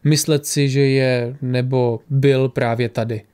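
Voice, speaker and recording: A man voicing a gruff middle-aged mercenary father who questions impatiently in an audiobook. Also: mid-range voice, level tone, darkish tone, natural voice.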